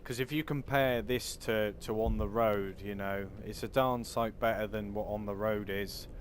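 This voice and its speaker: A man with a Cornish accent and a fairly low voice chats casually over gameplay. He rambles in an easygoing way and often repeats his words. Vehicle noise is clearly audible behind him. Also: fairly even intonation, normal speed. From Cornwall, southwest England. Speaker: game livestreamer chatting with viewers.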